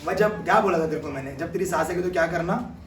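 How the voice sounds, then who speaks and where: Wise old village holy man, put on by a male teacher, calm and instructive, echoey room. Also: a little high, fast talker, far from the mic, a little hiss or hum, close to an everyday voice. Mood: explaining.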